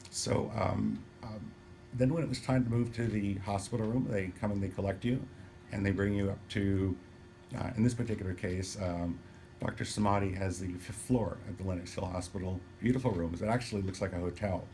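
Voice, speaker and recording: A man talking casually to camera in a halting, explanatory way, sounding weak and dry-mouthed as he recovers from surgery. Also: fairly low pitch, steady tone, a little mellow. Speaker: patient recording a personal video diary. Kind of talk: casual spoken vlog, explanatory. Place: hospital room. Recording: noticeable background room noise.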